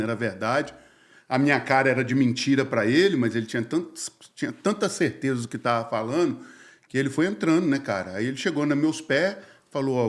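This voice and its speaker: A man, a pastor telling his life story in a casual, slangy, animated way and acting out the dialogue. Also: mid-range voice. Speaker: pastor, podcast guest.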